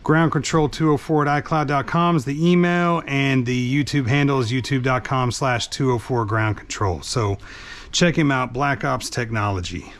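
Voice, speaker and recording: Here a trucker who vlogs explains, informally and step by step, what he's doing with his hands. He has a medium-pitched, slightly bright voice at a moderate pace, with background noise as he works.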